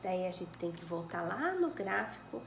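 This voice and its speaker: A woman's voice: lowish voice, very animated, vocal fry, slight background noise. Patient Brazilian woman teacher, roomy sound. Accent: Brazilian Portuguese. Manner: patient, explains slowly, checks with "né?" and "tá bom?". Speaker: primary school teacher. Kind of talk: recorded lesson correcting homework.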